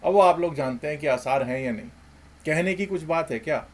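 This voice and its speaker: A man giving emphatic commentary as a market analysis host, with rhetorical questions and swings between loud and soft. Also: a little high, a little fast.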